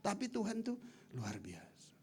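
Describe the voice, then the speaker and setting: Male pastor, comic sermon delivery with acted-out voices, raised pitch, gravelly texture. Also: huge pitch swings, moderate pace, darkish tone, slight background noise. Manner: acts out quoted voices, playful asides to congregation. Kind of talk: lively humorous sermon. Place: large church hall.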